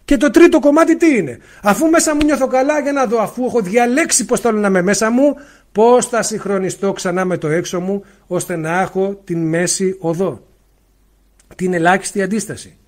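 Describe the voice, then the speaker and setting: High-pitched male spiritual teacher, talking loud and emphatic over a bad mic on a live stream. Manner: loud, emphatic, asks rhetorical questions. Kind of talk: livestream talk. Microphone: faulty mic, spoken loudly into it.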